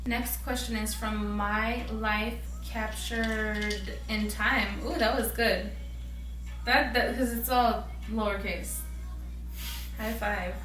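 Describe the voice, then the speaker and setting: Tipsy, slow-talking woman in a roomy recording. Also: medium pitch, steady tone, fairly bright tone. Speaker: vlogger answering viewer questions. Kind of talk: casual couple Q&A chat. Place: bedroom. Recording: roomy, distant mic, background hiss.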